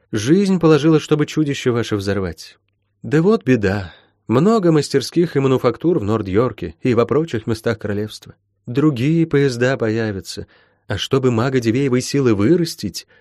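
A man's voice: medium pitch, lively intonation, moderate pace, a little mellow, no room sound, clean studio sound, pitched above the performer's own voice, lightly acted. A man voicing a stern middle-aged woman healer who talks in old-fashioned folksy speech, in an audiobook. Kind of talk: audiobook character voice.

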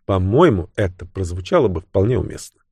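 A man's voice: sits low, very animated, fairly quick, creaky, dark tone, husky, dry recording, exaggerated voice. A man putting on a cool, mocking young woman.

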